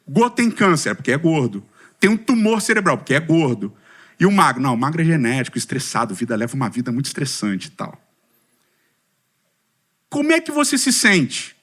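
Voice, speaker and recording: A man's voice: fairly high pitch, fairly quick, breathy edge. A middle-aged Brazilian man giving a humorous personal testimony to a church community, asking the audience questions and poking fun at himself. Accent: Brazilian Portuguese. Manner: lively storytelling with self-deprecating humor, asks audience questions. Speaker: speaker at a church community talk.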